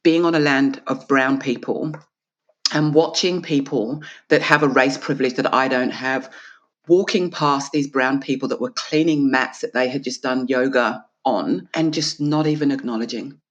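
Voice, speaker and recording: Here a female author from Australia, interviewed as a guest, has a rumbling low voice at a moderate pace, and the recording's highs are cut off. She speaks with earnest emphasis and acts out little dialogues throughout the reflective conversation.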